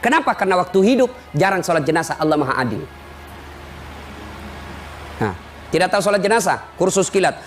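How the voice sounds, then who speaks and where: A man giving a humorous sermon, telling jokes and stories in an animated way. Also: high-pitched, brisk, long pauses, faint music behind. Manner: animated, joking storyteller. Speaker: preacher.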